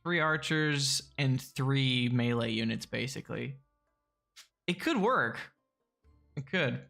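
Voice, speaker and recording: A man's voice: mid-range voice, expressive, slow, gravelly, sharp tone, faint music behind. A man casually chatting while playing a strategy game on a live stream, easygoing and hesitant, with plenty of ums and chuckles.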